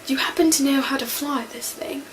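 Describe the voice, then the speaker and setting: Brief: a woman doing a gruff male alien with a put-on Scottish accent, pitched high, abrupt. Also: steady tone, fairly quick, a little hiss or hum, natural voice, rough recording. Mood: startled, blunt. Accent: attempted Scottish. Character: gruff newly regenerated male alien Doctor.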